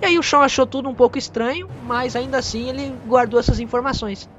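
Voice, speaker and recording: A man co-hosting a casual podcast, retelling a TV episode in a relaxed way and tagging his sentences with quick checks to his listeners. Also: very high-pitched, a little hiss or hum. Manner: relaxed retelling with frequent "né?" tags. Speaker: podcast co-host. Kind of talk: casual recap chat about a TV episode. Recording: dull lo-fi audio.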